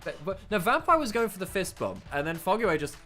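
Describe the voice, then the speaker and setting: A man casting a live esports broadcast in an excitable, joking way, speaking with a non-American English accent. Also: high-pitched, a little fast, faint music behind. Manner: animated, excitable, laughs at his own jokes. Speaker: esports caster.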